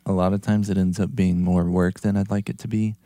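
A man, co-hosting a casual church-staff podcast and pausing often on fillers. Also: sits low, little pitch movement, warm tone, no room sound, clean studio sound. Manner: hesitant, many fillers. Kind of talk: casual chat.

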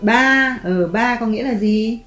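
A mother patiently teaching her child letters and tone marks at home, slowly drawing out the spelling and praising often. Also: fairly high pitch, fairly bright tone. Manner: patient, encouraging, drawn-out spelling. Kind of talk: home reading lesson for a child. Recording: echoey room, faint background music.

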